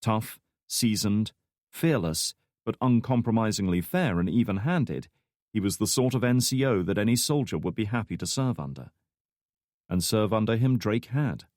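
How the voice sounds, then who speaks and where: A low-voiced man narrates a thriller audiobook from a script, steady and measured. The recording is dry and close, with no room sound.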